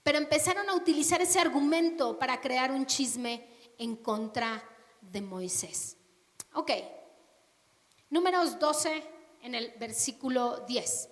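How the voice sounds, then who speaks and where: High-voiced woman preaching. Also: slow pace. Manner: animated storytelling with rhetorical questions. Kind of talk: sermon. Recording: long reverb of a hall.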